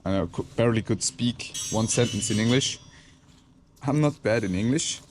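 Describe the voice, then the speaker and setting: A Swiss man, a content creator whose native language is Swiss German, talks reflectively to the camera with a Swiss German accent. His lowish voice moves at a moderate pace, and he hesitates, searches for words, and restarts often. Background noise can be heard.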